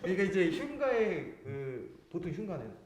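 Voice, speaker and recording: A man hosts a casual conversation, answering his guest with quick reactions and questions. His voice rises and falls with lively expression. The room around him adds a clear echo. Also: high-pitched, crowd noise. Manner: reacting to the guest with short replies and follow-up questions. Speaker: host. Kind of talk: casual chat.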